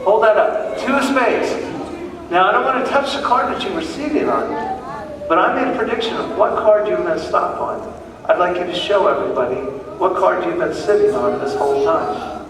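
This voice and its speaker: A man's voice: high-pitched, expressive, normal speed. A man performing as a kids' party magician, talking to children with repeated catchphrases and call-and-response prompts in a live show. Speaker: children's magician and motivational school presenter. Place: large echoey indoor school hall. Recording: distant, echoey hall with loud crowd noise. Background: audience of children, noisy room.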